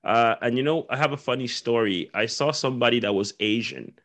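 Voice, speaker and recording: A man's voice: medium pitch, brisk, a bit bright. A man hosting an interview, asking questions in a chatty, rambling way. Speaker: interview host. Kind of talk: casual interview chat.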